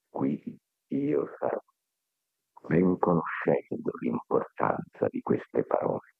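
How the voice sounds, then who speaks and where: A man giving a slow, declamatory spiritual discourse, heard from an old worn tape recording. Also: sits low, gravelly, husky, dry recording. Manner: slow, deliberate, declamatory oratory. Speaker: spiritual speaker. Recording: tinny, thin 1970s tape recording.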